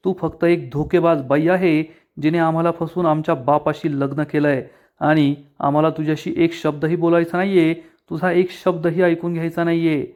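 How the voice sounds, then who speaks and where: A man's voice: fairly high pitch, level tone, normal speed, darkish tone, natural voice. A man reading the lines of a furious young man in a serial recap, harsh and accusing.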